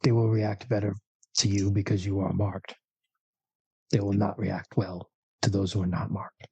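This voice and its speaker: A man voicing a cautious ancient dragon advisor in a measured, solemn, cryptic dragon voice for a tabletop game. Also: fairly low pitch, little pitch movement, gravelly, a little mellow, breathy edge, dry recording, dull audio, heavily acted. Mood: grave warning.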